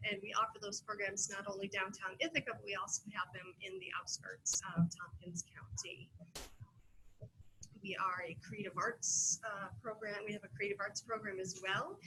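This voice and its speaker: A woman with a bright, forceful voice giving a panel presentation for a community center. She talks in a halting way, often stopping on fillers and restarting her sentences, with a faint hum behind her. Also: mid-range voice, low-quality recording.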